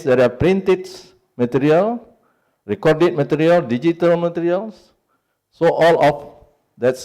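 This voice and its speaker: A man with an Indonesian accent talks in unscripted English, his second language, with a warm and relaxed tone. He stops often to find words and fills the gaps with "uh". He sets out his points one at a time and leans on each one. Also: on the high side. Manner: halting, searching for English words with many fillers. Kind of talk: unscripted talk on a panel.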